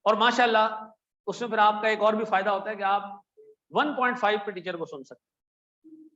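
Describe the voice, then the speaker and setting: A middle-aged man from Pakistan with a Pakistani Urdu accent, lecturing a class in a chatty, animated way with frequent "theek hai ji" asides. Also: high voice, normal speed, lo-fi sound. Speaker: accountancy teacher. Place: classroom with air conditioners and lights.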